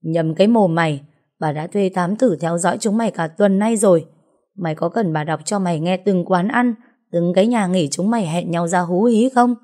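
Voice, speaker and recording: A woman's voice: on the low side, normal speed, warm tone, lightly acted. A woman narrator voicing a furious, heavyset middle-aged wife who hurls insults in an audiobook story. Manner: screeching insults, theatrical wailing.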